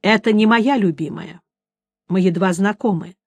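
A woman's voice: mid-range voice, moderate pace, a little mellow, no room sound, close to an everyday voice. A woman reading aloud voices a grave male monster-hunter with terse, stern speech. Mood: flat.

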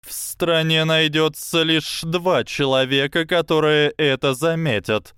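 A man's voice: a little high, a little slow, fairly bright tone, clear, resonant tone, no echo, clean studio sound, voice pushed up. A man voicing a sardonic, scheming male snake that hisses its mocking advice. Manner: hissing, mocking, instructive.

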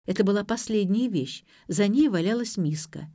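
A woman narrating an audiobook in an even, wry storytelling manner. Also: medium pitch, normal speed, no echo, clean studio sound.

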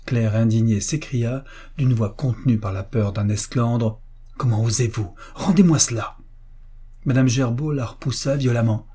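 A male audiobook narrator reads a classic story in short, measured phrases. His voice is mellow and dark, with a husky texture. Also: medium pitch.

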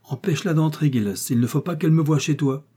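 A man reading the part of a furtive male stranger, hurried and alarmed. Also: fairly high pitch, dark tone, breathy edge, pitched above the performer's own voice.

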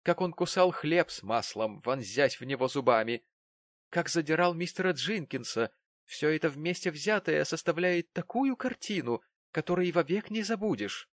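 A man voicing a gushing, melodramatic middle-aged landlady in an audiobook reading, raised high and full of effusive sighs. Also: lively intonation, moderate pace, no room sound, clean studio sound, close to an everyday voice.

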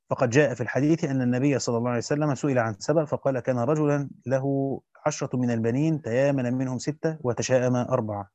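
A man's voice: medium pitch, darkish tone, no room sound. A man reading a classical commentary aloud to students and adding brief spoken asides. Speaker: teacher reading a Quran commentary. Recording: dry dull lo-fi recording.

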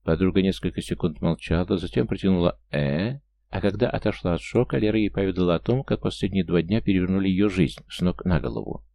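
A man narrating an audiobook in an even storytelling manner. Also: sits low, quick pace, gravelly, few pauses. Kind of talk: scripted narration.

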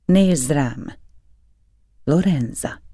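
A man reading an audiobook, voicing a stern hypnotist who speaks curtly and roughly. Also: a little high, animated, dark tone, no echo, clean studio sound. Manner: curt, commanding, rough. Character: stern commanding male hypnotist, harsh husband.

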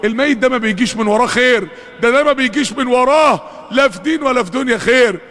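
Man, Egyptian accent, fervent sermon, quick delivery, long reverb of a mosque hall. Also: very high voice, fairly bright tone. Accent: Egyptian Arabic. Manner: fervent, rhetorical questions, calls to the congregation. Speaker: preacher.

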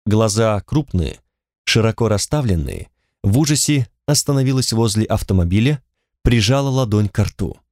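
A man narrates an audiobook in the first person, in a measured, detached way. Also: fairly low pitch, expressive, darkish tone, no echo, clean studio sound.

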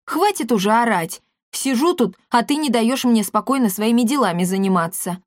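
A woman's voice: fairly high pitch, expressive, moderate pace, no room sound, clean studio sound, natural voice. A woman voicing a grumpy, irritable male cat in an audiobook, snapping at his companions. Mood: annoyed.

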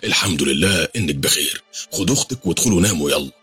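A man's voice: very deep voice, animated, racing, sharp tone, breathy edge, soft background music, heavily acted. Man playing a soothing Egyptian father. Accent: Egyptian Arabic. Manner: soothing, firm. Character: frightened father, calm and reassuring on the surface.

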